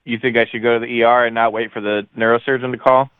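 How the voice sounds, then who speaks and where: A man's voice: mid-range voice, little pitch movement, fast talker, clean tone, dry recording. A man calling in to a radio show on his phone's speakerphone, talking casually and hesitantly with frequent ums and restarts. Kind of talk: casual call-in chat. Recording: dull lo-fi phone line.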